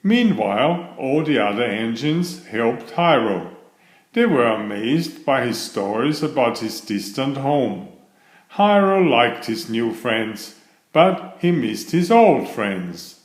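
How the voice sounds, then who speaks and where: A storybook reader with a medium-pitched voice reads a children's bedtime story out loud. He is measured and expressive, and the recording sounds roomy with plenty of echo.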